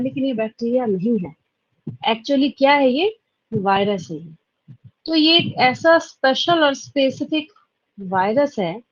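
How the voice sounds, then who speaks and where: Speaking with an Indian accent, a woman teaches biology for exam prep: she raises questions, answers them on her own and goes over the key points again. Her pitch sits a little high, and the recording sounds dull with no room sound.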